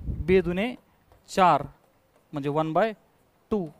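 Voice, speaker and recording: A male physics teacher, lecturing a class and coaxing his students with quick questions. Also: sits high.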